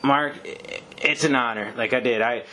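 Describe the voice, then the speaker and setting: A man in his forties hosts a podcast interview casually and warmly thanks his guest, often tacking "man" onto his sentences. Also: mid-range voice, moderate pace, slight background noise. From Detroit area, United States. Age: 40s. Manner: casual, effusive, says man a lot. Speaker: podcast host.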